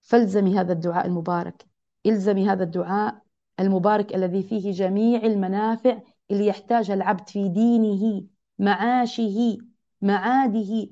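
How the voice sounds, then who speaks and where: A woman's voice: mid-range voice, steady tone, brisk, mellow. A woman teaching a religious lesson to other women, earnest and exhorting, repeating key phrases. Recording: dull lo-fi recording.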